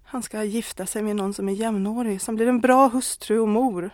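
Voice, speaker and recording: A woman's voice: mid-range voice, fairly even intonation, no room sound, lightly acted. A woman voicing a married woman who confesses a love affair, earnest and pleading, close to tears. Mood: torn.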